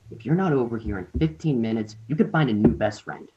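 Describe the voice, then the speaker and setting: A man's voice: medium pitch, animated, fast, muffled recording, natural voice. A man reading a cocky, persuasive teenage boy in an unrehearsed script read-through. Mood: pushy. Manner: pushy, persuasive.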